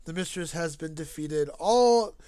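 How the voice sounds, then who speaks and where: A man streaming and casually commenting on a game he made. He talks in a chatty, jokey way and often gets animated. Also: fairly high pitch, a little slow, smooth, dry recording. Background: faint game music.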